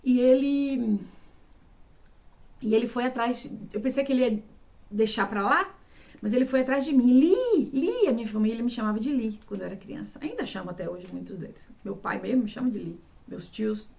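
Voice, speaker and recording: Halting Brazilian woman recounting her past. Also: fairly high pitch, vocal fry, a little mellow. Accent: Brazilian Portuguese. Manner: halting, emotional, repeats words. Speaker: vlogger. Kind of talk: personal testimony.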